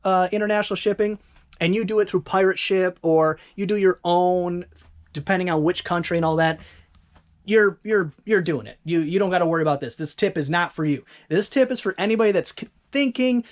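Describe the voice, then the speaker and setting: Chatting on a vlog in a medium-pitched voice, an eBay reseller from Northern Michigan wanders from point to point and corrects themselves with quick asides. Their accent is Northern Michigan.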